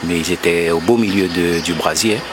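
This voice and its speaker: A man speaking as a firefighter, giving a formal, procedural incident report with hesitant pauses. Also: sits low, background noise. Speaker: firefighter, emergency responder.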